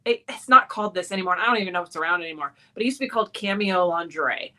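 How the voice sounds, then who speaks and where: Guest, woman, late 40s, from Texas; bright, friendly, laughs easily. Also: fairly low pitch, animated, racing. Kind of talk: interview answers.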